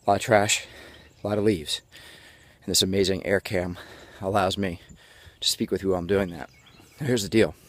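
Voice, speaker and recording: A man's voice: sits low, steady tone, fairly quick, no echo. A man delivering a halftime pep speech as a motivational coach, breathless from exertion and talking in a folksy, jokey way. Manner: breathless from exertion while walking; folksy, jokey self-narration in the third person.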